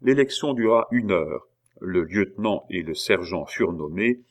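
A man reading a classic novel aloud as narrator, in a steady, measured storytelling manner. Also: sits low. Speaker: audiobook narrator.

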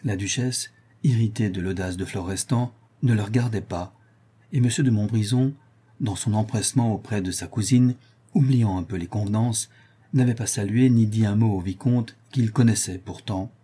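Low, husky male audiobook narrator. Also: normal speed, warm tone. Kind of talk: audiobook reading of a classic novel.

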